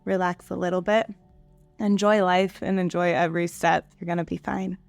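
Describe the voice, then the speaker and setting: A woman's voice: lowish voice, flat delivery, moderate pace, creaky, no room sound, faint music behind. A woman in her late twenties, an admissions counselor giving upbeat, chatty advice on a panel. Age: 20s.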